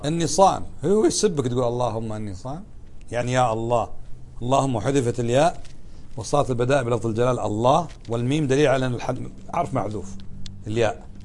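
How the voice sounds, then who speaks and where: A sheikh teaches a classroom religious lesson explaining a text, conversationally asking his students questions and answering them. His mid-range voice has a darkish tone and he speaks fast, with a little hiss or hum in the audio.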